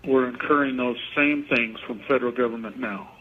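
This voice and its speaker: A man speaking as an inmate guest on a payphone call, talking politics informally in a halting way and repeating his words. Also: medium pitch, fairly even intonation. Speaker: interview guest, prison inmate calling in. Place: prison phone. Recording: muffled, noisy payphone line.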